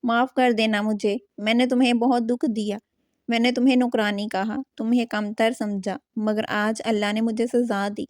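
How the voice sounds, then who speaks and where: A woman's voice: fairly high pitch, level tone, darkish tone, no room sound, clean studio sound, natural voice. A woman voicing a remorseful older mother-in-law who pleads for forgiveness.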